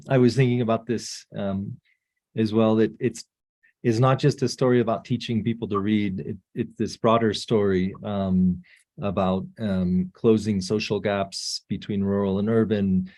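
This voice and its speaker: A man moderating an online panel, asking questions hesitantly with many pauses. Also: fairly low pitch, fairly even intonation, warm tone, no room sound.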